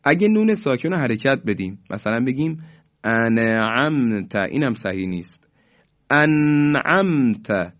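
A man teaching the rules of Quran recitation at a mid-range pitch. He explains at a quick clip, then stretches each example word out slowly and clearly. The recording sounds dull and muffled, like a lo-fi upload. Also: very animated. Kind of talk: classroom-style lesson.

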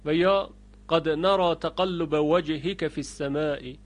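A man's voice: fairly high pitch, fairly even intonation, no room sound. Man teaching Quran recitation, chanting examples. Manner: explains rules, then chants the example words slowly and loudly; addresses learners directly. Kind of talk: recorded lesson on Quranic readings.

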